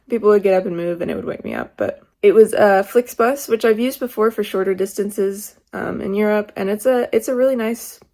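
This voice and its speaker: A woman's voice: medium pitch, vocal fry, a little mellow. A young woman vlogging on her phone, chatting casually and rambling about her trip. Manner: chatty, rambling, laughs now and then. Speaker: travel vlogger. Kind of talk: casual vlog narration. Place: indoors, small rented room. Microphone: phone camera.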